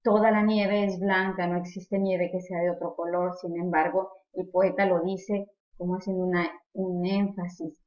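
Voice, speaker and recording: A woman's voice: on the low side, little pitch movement, normal speed, few pauses, a little mellow. Woman teacher, explanatory lecture, repeats words as she goes, echoey room, slightly muffled sound. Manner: explanatory, repeats words while searching for them. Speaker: literature teacher. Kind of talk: recorded lecture on poetry.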